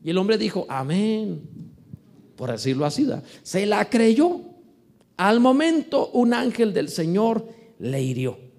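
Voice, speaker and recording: A man preaching a sermon as pastor, animated, swinging from shouts to quiet asides and often repeating words as he restarts. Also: high voice, measured pace.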